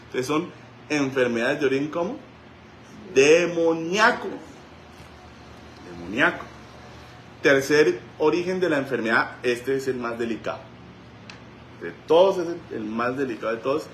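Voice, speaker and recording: A man, a pastor preaching a sermon in a church and telling stories with sudden shouts. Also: mid-range voice, normal speed, a little hiss or hum. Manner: animated storytelling, voice rising to shouts. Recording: echoey church room.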